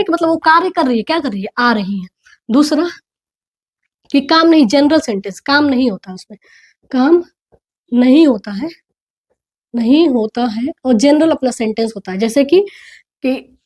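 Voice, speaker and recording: A woman with an Indian accent teaching a recorded English lesson, explaining patiently and slowly repeating example sentences for drills. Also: high voice, a little mellow. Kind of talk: recorded online grammar lesson. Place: indoors, writing on a board.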